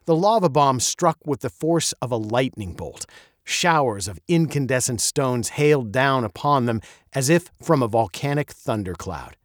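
A male narrator reads a children's chapter book aloud with playful expression. His voice sits in a middle pitch but swings widely, rising high for emphasis and dropping low for asides. The sound is dry, with no room echo. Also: animated, normal speed. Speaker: audiobook narrator. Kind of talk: scripted storybook narration.

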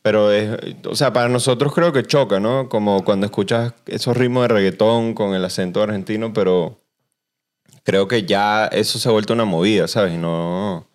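A man hosts a relaxed podcast conversation. His voice sits a bit low, and his talk is loose and full of slang, with easy laughter between remarks. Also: normal speed. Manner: laid-back, slangy, laughs often. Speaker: podcast host. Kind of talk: casual chat. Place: Los Angeles studio.

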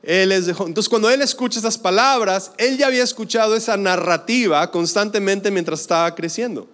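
A young man with a Mexican accent tells a personal story in a high, smooth voice. His delivery is loose and conversational, with many fillers. The sound rings with a long hall reverb. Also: a little fast, fairly bright tone. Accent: Mexican Spanish. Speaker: speaker. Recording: echoey hall.

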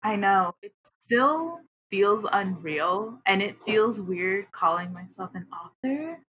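A woman poet reads her own work in a slow, measured voice and then chats as a guest, bubbly and excitable. A faint hiss sits behind her voice throughout the recording. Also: mid-range voice, low-quality recording. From Queens, New York. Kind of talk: poetry reading and interview.

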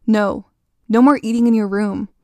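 A strict, nagging mother in a spooky story, voiced by a woman. She speaks louder and a touch higher, scolding sharply. The voice keeps a gravelly grain and a dark tone. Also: moderate pace, no room sound, natural voice.

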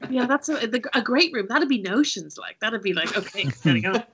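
A woman's voice: a little high, big pitch swings, fairly quick, a bit bright, dull audio, a little hiss or hum. A woman with an Irish accent, playing a tabletop game and chatting in a hedging way. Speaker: player. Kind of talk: casual tabletop chat.

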